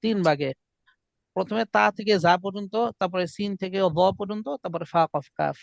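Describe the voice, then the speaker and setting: High-voiced man teaching by rote. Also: a little fast, gravelly, dry recording. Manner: drills students with call-and-response chanting. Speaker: Quran recitation teacher. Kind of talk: classroom lesson. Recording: dry, muffled lo-fi sound.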